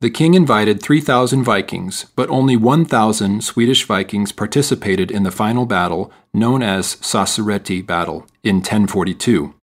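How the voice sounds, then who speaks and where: A man reading texts and task instructions for a listening exam in a measured, formal way. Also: fairly low pitch. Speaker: exam narrator. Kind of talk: scripted narration for a listening test.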